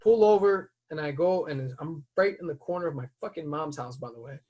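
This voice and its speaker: A man hosting a podcast who tells a story in casual chat. He swears freely and breaks into loud, heated outbursts as he retells it. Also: fairly high pitch, a little fast. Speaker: podcast host.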